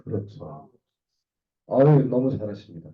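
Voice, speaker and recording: A hoarse man preaching a sermon as a pastor, talking with the congregation and putting questions to them. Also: on the low side, expressive, measured pace, recorded from a distance, narrow, tinny audio. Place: small church hall.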